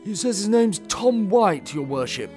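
A man's voice: sits high, sing-song, unhurried, a little mellow, soft background music, pitched above the performer's own voice. A man doing a kindly, placating officer.

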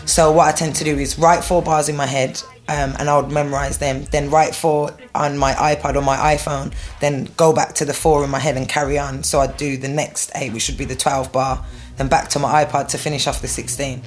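A rapper with a low voice answers interview questions a little fast and with a flat delivery. She's frank, defiant and casual, laughing easily as she talks.

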